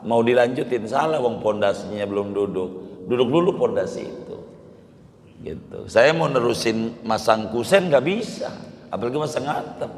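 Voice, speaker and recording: A hoarse man preaching, quizzing his listeners and repeating key phrases. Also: medium pitch, expressive, moderate pace, darkish tone, a little hiss or hum. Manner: repeats phrases, quizzes listeners, colloquial Betawi-flavored Indonesian. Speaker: Islamic preacher. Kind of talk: lecture sermon with questions to the audience. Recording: long hall reverb.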